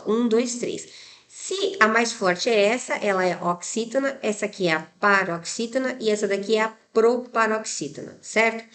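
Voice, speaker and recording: A woman's voice: medium pitch, a bit bright. Brazilian woman teaching exam grammar. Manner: didactic, many tag questions, spells out rules step by step. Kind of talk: explaining exam answers.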